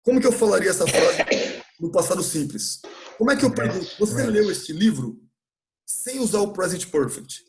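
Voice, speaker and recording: A man's voice: high-pitched, expressive, normal speed, noisy background. A Brazilian man teaching an English class in a church classroom, patiently explaining grammar and often checking with his students.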